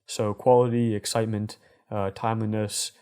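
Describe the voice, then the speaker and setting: A man hosting a community update in a conversational way, with measured, corporate phrasing. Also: lowish voice, flat delivery, darkish tone, clean tone. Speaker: host of community update show.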